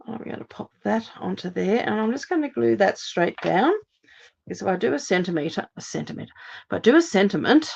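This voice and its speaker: At her craft table, a woman from Australia leads a chatty live card-making demo, giving steady step-by-step instructions. Her voice is medium-pitched and brisk, still a bit hoarse from laryngitis. The audio has its highs cut off.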